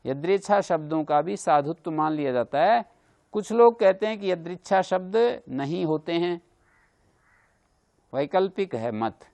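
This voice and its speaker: Male grammar teacher, patient lecturing manner; high-pitched, gravelly. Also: lively intonation, measured pace, darkish tone. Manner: explains patiently, repeats examples. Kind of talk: classroom lecture.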